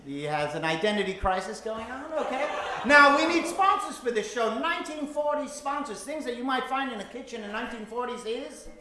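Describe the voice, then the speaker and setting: A man with a very high, expressive voice hosts a live improv comedy show, playfully working the crowd from a theater stage and repeating audience shouts back to them. He talks a little fast with few pauses, and the theater is very echoey with the crowd audible.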